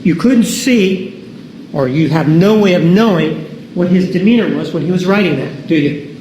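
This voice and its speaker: A man with a high voice cross-examines a witness, pressing and insisting on yes or no. The courtroom recording rings with room echo. A faint hiss sits underneath. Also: animated, moderate pace, darkish tone. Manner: pressing, demands yes-or-no answers. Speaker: prosecutor. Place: large echoey courtroom.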